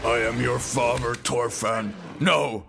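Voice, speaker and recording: A man voicing a stoic old male warlord father who speaks in slow, grave, deliberate pronouncements. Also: medium pitch, steady tone, vocal fry, voice pushed down. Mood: solemn. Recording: game music playing behind. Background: game music.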